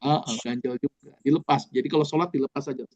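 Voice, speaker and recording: A man's voice: mid-range voice, steady tone, quick pace, darkish tone, highs cut off. A man, a doctor, giving a casual online lecture, explaining step by step with frequent fillers.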